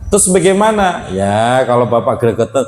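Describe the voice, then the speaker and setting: A man's voice: mid-range voice, very animated, a little mellow, roomy sound. Man giving an Islamic study lecture. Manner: conversational, addresses audience as Pak; reads Arabic phrases slowly, then explains them. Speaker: Quran study teacher.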